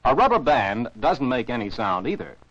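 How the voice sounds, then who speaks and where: A man's voice: mid-range voice, sing-song, normal speed, a bit bright, dry recording. An American man narrates scripted science for children as an educational film narrator, in a didactic, carefully enunciated way. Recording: dull, dry 1949 film soundtrack.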